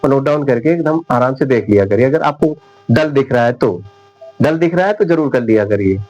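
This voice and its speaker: A man teaching English spelling rules at a whiteboard, repeating each example word slowly and often checking whether his viewers understand. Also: medium pitch, lively intonation, darkish tone, low-quality recording. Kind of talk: whiteboard classroom lesson.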